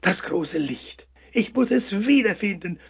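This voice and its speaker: A small, lonely young hare from a storybook, earnest and pleading, as a man puts him on. The voice sits high with a gravelly edge. It sounds tinny, as if heard over a phone. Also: animated, measured pace, exaggerated voice. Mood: determined.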